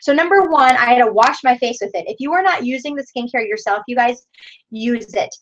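A middle-aged woman leading a sales team training over a video call, energetic and encouraging, often calling her listeners "you guys". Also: on the high side, a little fast, a little hiss or hum. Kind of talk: upbeat team training talk. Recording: dull lo-fi video call audio.

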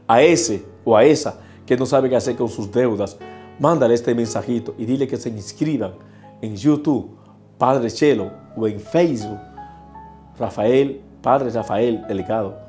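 A man's voice: mid-range voice, a little slow, darkish tone, roomy sound, soft background music. A man, a priest, leading an intercessory prayer with fervent, repeated invocations.

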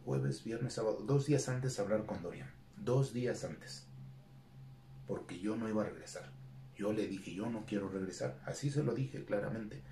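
Here a retired lucha libre wrestler, a middle-aged Mexican man, is the guest in a relaxed interview, spinning lively stories and performing each line of dialogue. His voice sits lowish, with his Mexican Spanish accent clear. Slight background noise accompanies him, and he's picked up off-mic in a room with echo.

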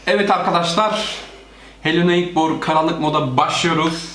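A man, probably a parent, hosts a family gaming channel, giving casual reaction and gameplay commentary and explaining things to viewers and a child. His voice is on the high side, a bit bright, with fairly even intonation at normal speed. The room echoes, and cartoon and game audio with music plays behind, plus slight background noise.

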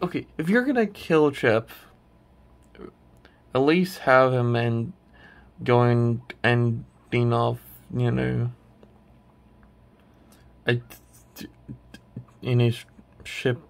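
Slow, rambling man. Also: mid-range voice, steady tone, gravelly. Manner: rambling and hesitant, many restarts. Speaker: channel host. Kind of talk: casual commentary while ranking a tier list.

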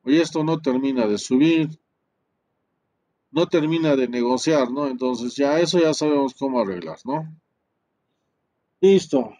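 In a screen-recorded networking tutorial, a male instructor talks through his thinking, mutters, and keeps adding tag questions for the class. His warm, medium-pitched voice moves at a measured pace with many pauses.

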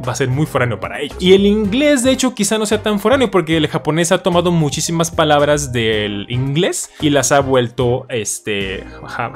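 A man talks to his audience about languages in a loose, conversational way. His voice sits a little high. He often restarts his sentences and leans on fillers. Faint music plays underneath. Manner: chatty, animated, frequent fillers and restarts. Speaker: language-learning YouTuber. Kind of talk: casual educational talk to camera.

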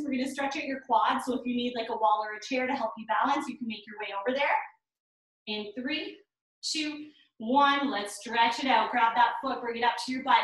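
Her voice sits high with a fairly bright tone as this thirtysomething instructor leads a workout, counting, cueing, and encouraging while doing the moves herself. A camera several meters away captures her in an echoing, sparse indoor room at home.

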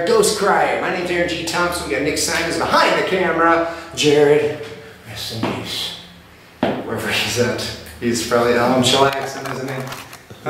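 A man's voice: on the high side, a bit bright. A rambling host with a slightly raised voice calls out to unseen spirits inside an empty school. His words ring back with a heavy echo off the bare halls. A faint hiss sits under the recording. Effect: heavy echo bouncing around an empty building. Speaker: ghost-hunting host. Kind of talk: casual paranormal investigation vlog.

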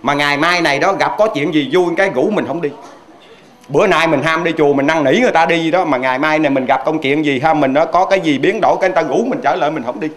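A man's voice: a little high, fast talker. A man with a Southern Vietnamese accent preaching a folksy storytelling sermon, chatting with the audience and asking them rhetorical questions. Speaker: Hoa Hao Buddhist preacher.

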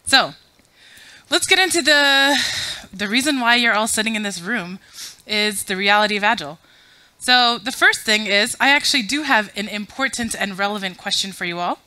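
Running audience polls for a packed conference room, an Afghan-born woman in her thirties gives a chatty, self-deprecating talk through a podium mic. Her mid-range voice is sharp and moderately paced. There's no room sound, but the audio is poor.

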